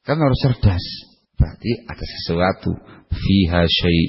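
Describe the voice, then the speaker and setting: Animated preacher in an echoey hall. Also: male voice, unhurried, slightly rough. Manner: animated, swings between loud high bursts and low quiet asides. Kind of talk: sermon. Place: lecture hall. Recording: echoey hall, muffled lo-fi recording.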